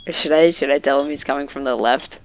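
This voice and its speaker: A man's voice: medium pitch, fairly quick, highs cut off. A young man chatting casually while gaming, exclaiming and laughing often and complaining about lag. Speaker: gamer streaming with a friend. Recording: noisy gaming capture.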